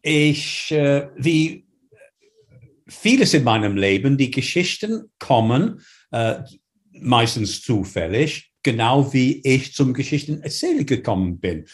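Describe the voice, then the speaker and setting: A native English speaker from England, with an English accent, answers interview questions as a storyteller. His medium-pitched voice swings widely in pitch at a slow pace, and he hesitates, using many fillers as he searches for words.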